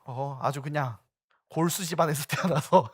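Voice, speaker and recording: A young man, a youth pastor, preaching a sermon that moves from storytelling to loud, urgent exhortation. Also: fairly high pitch, moderate pace, husky.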